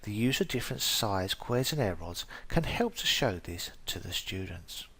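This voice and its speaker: A man, an English teacher, reading a prepared explanation as scripted narration in a careful, even way. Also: on the low side, moderate pace, vocal fry, slightly rough.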